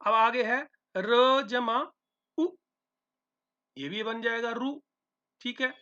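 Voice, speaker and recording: A man's voice: extremely high pitch, extremely slow, bright, forceful tone. A man teaching a Sanskrit textbook lesson, speaking. He repeats each word two or three times so students can copy the pronunciation, then gives its meaning. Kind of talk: recorded lesson explaining a textbook chapter. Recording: dull, lo-fi sound.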